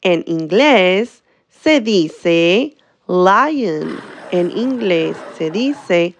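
A woman's voice: fairly low pitch, animated, a little hiss or hum. A woman teacher giving a bilingual vocabulary lesson for children, drawing out each word for the class to repeat. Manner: slow, drawn-out words for repetition.

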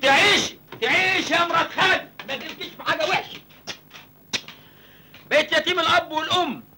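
A man's voice: extremely high pitch, fairly quick, background noise. An actor playing a naive, hungry young man from a village who jokes cheekily, speaking with an Egyptian accent. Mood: self-pitying. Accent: Egyptian Arabic. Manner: joking, cheeky retorts. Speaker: film actor. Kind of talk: comic film acting.

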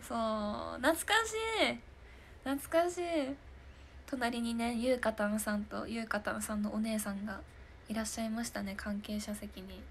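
Woman, 20s, idol stream host; casual, giggly chat, slightly high voice, faint background hum. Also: fairly bright tone. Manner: giggly and chatty, often laughing. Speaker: idol hosting a live stream talk show. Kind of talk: casual chat answering viewer comments.

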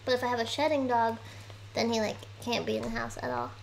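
A woman's voice: a little high, steady tone, fast, creaky, slight background noise, low-quality recording. A young woman chatting casually on a livestream, rambling and eating as she talks.

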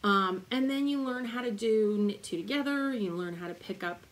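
A woman's voice: medium pitch, moderate pace, poor audio. Chatty podcast co-host woman, rambling. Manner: chatty, digressive, laughs often. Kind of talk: casual chat.

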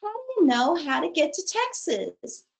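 A woman's voice: high voice, big pitch swings, moderate pace, vocal fry, voice pushed up, exaggerated voice. A woman voicing a young male songbird, small, eager and anxious, asking earnest questions in a storybook reading. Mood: eager questioning.

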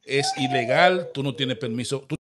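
Posing as an official on a prank call, a male show host keeps up insistent accusations and says the same things repeatedly. He speaks in a mid-range voice at a moderate pace over a loud crowd on a noisy phone recording.

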